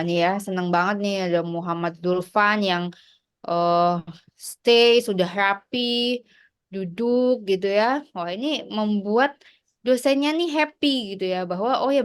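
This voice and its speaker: A woman's voice: mid-range voice, unhurried, clean tone. A woman lecturer giving an online class over a video call, encouraging her students and mixing in English phrases between fillers. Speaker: university lecturer.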